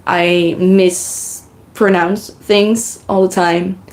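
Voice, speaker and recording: Recorded on a good podcasting microphone, a Dutch-native woman rambles casually during her knitting live stream, chatting and reading out and thanking viewers' comments. Her voice is fairly low, level in tone, and very slow.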